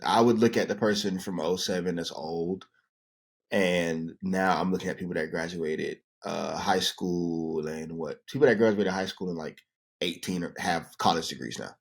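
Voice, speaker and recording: A man in his thirties co-hosting a podcast, telling stories in a relaxed, casual way with plenty of fillers. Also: low-pitched, normal speed, gravelly, breathy edge. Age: 30s. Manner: relaxed storytelling, many fillers. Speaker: podcast co-host. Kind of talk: casual chat.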